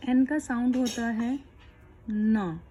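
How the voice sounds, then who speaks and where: Slow, patient woman teaching phonics. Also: on the high side, darkish tone. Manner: slow, clear, patient explaining. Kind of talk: kids' phonics lesson.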